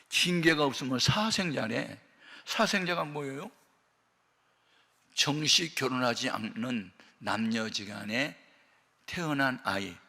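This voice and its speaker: A man preaching a sermon as pastor, an animated storyteller who acts out the quotes. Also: medium pitch, gravelly, in a large hall. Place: prayer house worship hall.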